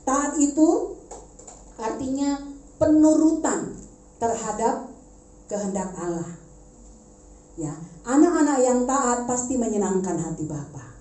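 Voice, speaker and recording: A woman preaching a sermon in a conversational, animated way, turning to the congregation with asides. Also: on the high side, takes it slowly, pauses often. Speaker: preacher, schoolteacher. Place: church service. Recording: echoey church hall.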